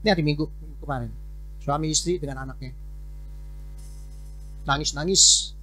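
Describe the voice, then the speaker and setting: A male pastor delivering a conversational sermon, his tone bright and clear. He talks plainly to the congregation, repeats words and moves between loud stretches and hushed ones. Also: fairly high pitch, normal speed, slight background noise. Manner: informal preaching, repeats words, swings between loud and soft.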